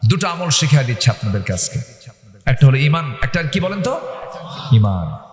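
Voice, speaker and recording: A man's voice: mid-range voice, very animated, normal speed. A man preaching a sermon, calling out to his audience for responses and telling humorous stories. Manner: call-and-response with the audience, dramatic rising exclamations; humorous storytelling. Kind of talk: Islamic sermon at an evening gathering. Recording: echoey PA sound with long reverb.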